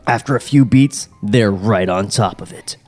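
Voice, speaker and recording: Faint music plays behind a podcast host who reads a screenplay's stage directions during a comedic table read. He reads steadily in a lowish, darkish voice at normal speed, then breaks off to joke and laugh between lines.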